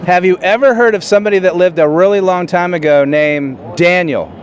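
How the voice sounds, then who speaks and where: A man's voice: sits high, fairly quick, slight background noise. A man hosting street interviews, asking passers-by the same questions in a plain, hesitant way with frequent fillers and restarts. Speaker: street interviewer and show host. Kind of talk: street interviews and direct-to-camera intro.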